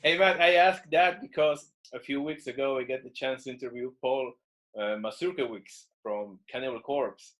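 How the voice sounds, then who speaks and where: A man co-hosting a casual podcast and asking questions of his guest. His voice has an everyday mid-range pitch. He talks easily and chuckles between his questions. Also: normal speed, a bit bright. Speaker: podcast co-host and interviewer. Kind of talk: casual interview chat.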